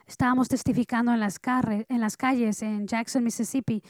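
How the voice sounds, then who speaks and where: A woman preaching a sermon, her voice a little high and mellow. She moves between hushed, intimate lines and loud, urgent ones. The sound is close and dry, with no room around her. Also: fairly even intonation, a little fast, no room sound. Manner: earnest preaching, swinging between soft and loud. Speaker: pastor.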